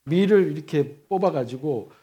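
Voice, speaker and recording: Male pastor, fifties, sermon, lively rising and falling pitch, storytelling, emphatic. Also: moderate pace, highs cut off. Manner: storytelling with lively acted quotes and laughter; emphatic, animated preaching.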